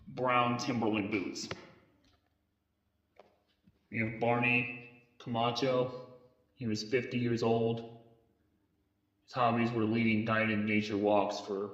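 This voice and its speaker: A slightly bright, lowish male voice narrates a mock police briefing tape for an analog horror story, sounding like a case-file narrator. He reads the script haltingly and stumbles over words. The tape is muffled and lo-fi, with a roomy echo.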